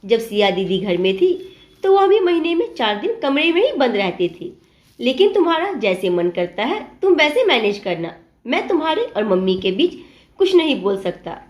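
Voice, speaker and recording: A woman's voice: sits high, sing-song, moderate pace, reverberant. A woman doing an evasive young husband. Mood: dismissive. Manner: evasive, dismissive. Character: young husband dodging family quarrels.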